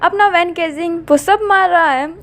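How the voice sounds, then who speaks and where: A woman's voice: extremely high pitch, moderate pace, fairly bright tone. A woman hosting her channel and reading a romantic fan fiction story aloud in a chatty storytelling way.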